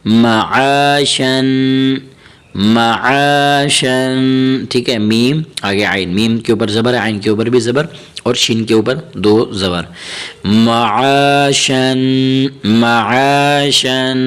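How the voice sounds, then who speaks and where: A man teaching Quran reading, slowly spelling out and chanting each syllable, then explaining the rules in quick bursts. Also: medium pitch. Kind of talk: spelling-out recitation lesson.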